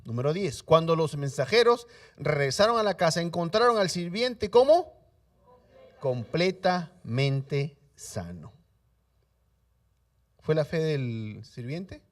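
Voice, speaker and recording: A male pastor preaching to his church in a fairly high voice with a very lively, wide-ranging pitch. He swings from loud, emphatic lines to hushed, almost murmured ones. He keeps asking the congregation questions and answering them himself, heard from a distant mic in the sanctuary. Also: takes it slowly. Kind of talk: sermon.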